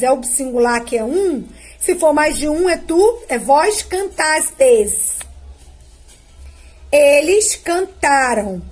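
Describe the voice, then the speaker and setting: A woman with a high voice and a Brazilian accent teaches grammar to young pupils. She speaks slowly and patiently and stretches each verb form as she drills it. She keeps checking in with a short "tá?". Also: a little mellow. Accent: Brazilian Portuguese. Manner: ends phrases with a checking "tá?". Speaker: primary school teacher. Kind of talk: grammar lesson to children.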